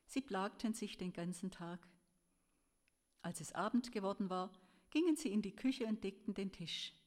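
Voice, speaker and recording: A woman giving a sermon in an earnest, gentle storytelling way, her voice rising and falling as she tells a story. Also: medium pitch, moderate pace. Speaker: preacher.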